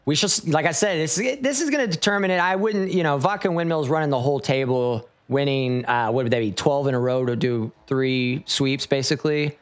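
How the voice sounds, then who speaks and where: A man's voice: medium pitch, fairly quick, few pauses. A man commentating an online esports tournament in an easygoing, rambling, playful way.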